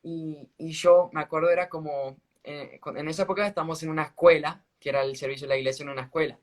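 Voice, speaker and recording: A man giving a casual faith testimony on a live stream, earnest and halting, restarting his sentences often. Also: a little high, fairly even intonation. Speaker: guest sharing a faith testimony. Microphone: phone on a live video stream.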